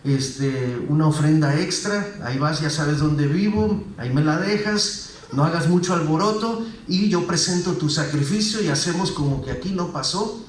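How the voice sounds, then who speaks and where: A man playing a corrupt priest who quietly asks for bribes, in a conspiratorial tone. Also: fairly high pitch, normal speed, a little hiss or hum, close to an everyday voice. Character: sly corrupt male priest taking bribes. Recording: roomy echo, voice heard from a distance.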